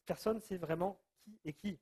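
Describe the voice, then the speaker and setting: A man with a fairly high, husky voice teaches from the Bible in a relaxed, chatty way. He tells the passage like a story and acts out each person's lines in turn. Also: moderate pace. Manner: lively storytelling, acting out quoted lines. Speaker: preacher.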